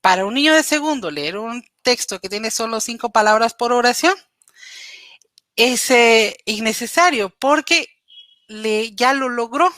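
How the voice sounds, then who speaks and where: Speaking unhurriedly in a fairly high, expressive and slightly bright voice, a woman who teaches literacy walks her audience through a recorded slide presentation on reading instruction. She's patient and explanatory, talks straight to her listeners, and hesitates now and then with lots of "eh." There's no echo.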